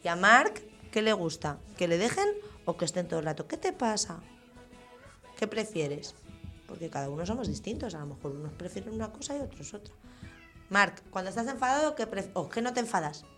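A woman's voice: mid-range voice, lively intonation, fairly quick, sharp tone. Woman, middle-aged, patient teacher, coaxing questions to young kids, faint music behind. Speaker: teacher hosting a children's school radio show. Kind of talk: gentle questioning talk with small children.

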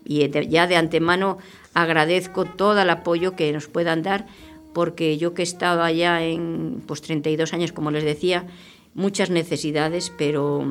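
Earnest older nun, lowish voice. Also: female voice. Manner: earnest, unhurried, repeats herself while thinking. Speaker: missionary nun. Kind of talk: radio interview, reflective testimony. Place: radio studio.

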